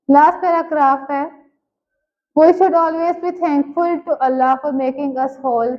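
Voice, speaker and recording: A woman with a Pakistani accent teaching an online English class, reading English lines slowly and explaining them in Urdu. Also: sits high. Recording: dull lo-fi audio.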